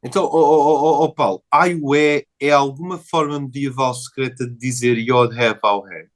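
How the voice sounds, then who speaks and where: A man's voice: mid-range voice, steady tone, normal speed. Discursive Portuguese male interviewer. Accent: European Portuguese. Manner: discursive, philosophical, thinking aloud. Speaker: host interviewer. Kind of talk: interview conversation.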